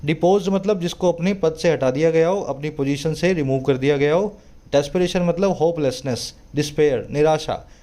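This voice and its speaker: A male tutor with a mellow, fairly high voice, explaining English vocabulary in Hindi. He reads English lines out very slowly. Then he breaks them down in a chatty teaching way, often asking the viewer rhetorical questions. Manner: explains word by word, slows sharply to read English passages. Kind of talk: Hindi-language English lesson reading a newspaper editorial.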